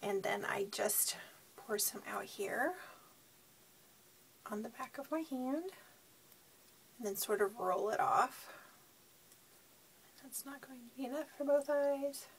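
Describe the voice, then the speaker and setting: Woman, sleep-deprived and tired, casual makeup demo chat, fairly high pitch, vocal fry. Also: slow pace, long pauses. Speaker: beauty reviewer.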